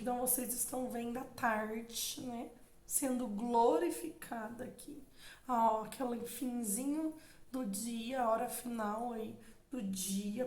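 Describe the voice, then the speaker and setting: A young Brazilian woman gives a literature class, speaking slowly and deliberately as she reads poetry aloud and talks straight to her students. Her voice sits fairly high, and the room around her gives it a noticeable echo. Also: darkish tone, slight background noise. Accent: Brazilian Portuguese. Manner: explains slowly, addresses students directly, reads verse with emphasis. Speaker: literature teacher. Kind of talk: exam-prep literature lesson with poem reading. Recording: echoey room.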